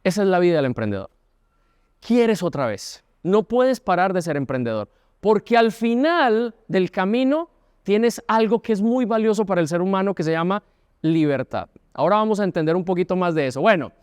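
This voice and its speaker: A man from Colombia, a university rector, giving a motivational talk and acting out dialogue with lively shifts of voice. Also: brisk, clear, resonant tone, no echo, clean studio sound, in a large hall. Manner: animated, acts out dialogue with shifting pitch.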